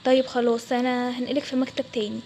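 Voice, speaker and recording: A woman's voice: fairly high pitch, level tone, fast talker, a little mellow, a little hiss or hum, close to an everyday voice. A woman with an Egyptian Arabic accent voicing a polite, placating male bank manager. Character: calm middle-aged male bank manager.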